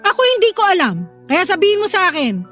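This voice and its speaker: A woman's voice: very high voice, wildly swooping pitch, quick pace, a bit bright, soft background music, full character voice. A Filipino woman playing a bossy, hot-tempered older sister who nags and confronts in a radio-style drama. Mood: annoyed, prodding. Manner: nagging, confrontational.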